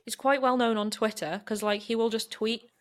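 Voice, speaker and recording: A woman's voice: a little high, steady tone, moderate pace. Young woman host, chatty podcast talk. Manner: chatty, uses lots of "like". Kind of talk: casual chat.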